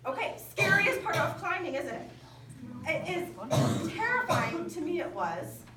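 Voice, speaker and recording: A woman camp speaker telling a story in a lively sermon to young people. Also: extremely high pitch, unhurried, over loud music. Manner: lively, animated storytelling with quoted dialogue. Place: large indoor hall at a winter camp. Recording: echoey hall from far off.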